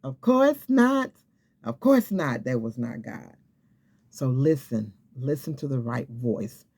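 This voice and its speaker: A man's voice: mid-range voice, unhurried, creaky, warm tone, breathy edge. A man preaching an informal sermon to camera, exhorting and repeating himself, often checking in with "okay?". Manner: repetitive, exhorting, with many restarts and "okay?" checks.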